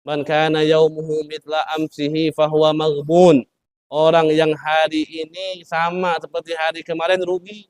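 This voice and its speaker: A man's voice: completely flat delivery, measured pace, smooth. A man giving a weekly study sermon in a mosque, telling a story and often repeating phrases and restarting words. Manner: acts out quoted speech with rising pitch. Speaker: religious teacher.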